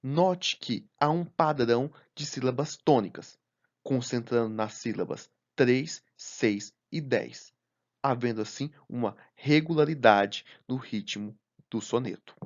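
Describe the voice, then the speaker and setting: A man narrating a recorded lesson, slow and deliberate, counting syllables aloud one by one. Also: medium pitch, lo-fi sound. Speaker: teacher.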